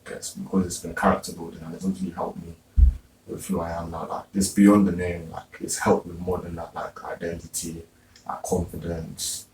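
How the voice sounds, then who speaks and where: A man with a very low voice talks thoughtfully, often restarting as he looks for the right words. He sounds distant from the mic in an echoey room with faint noise behind him. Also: level tone, normal speed, a little mellow. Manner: reflective, searching for words. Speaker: guest. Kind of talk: casual group discussion.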